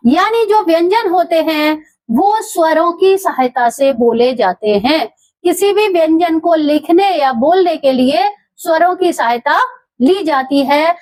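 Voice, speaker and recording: A woman teaching grammar in a very high voice. She talks slowly and stretches each sound. She says the key terms again and again, the way a teacher drills a class. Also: a little mellow, no echo. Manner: slow, drawn-out sounds, repeats terms for students. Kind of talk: classroom lesson.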